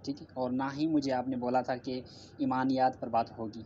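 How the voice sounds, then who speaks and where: A man's voice: mid-range voice, fairly even intonation, mellow, dull audio, a little hiss or hum. A man giving a formal religious debate reply, repeating his points with emphasis and citing scripture. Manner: repetitive, emphatic, cites scripture and hadith.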